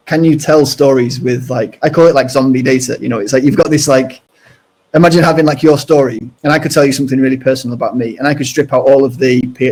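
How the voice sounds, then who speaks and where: Husky guy on a webinar, keeps restarting his sentences, lots of likes and ums. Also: medium pitch, darkish tone, low-quality recording. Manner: halting, full of restarts and fillers. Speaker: guest speaker. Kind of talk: casual webinar talk.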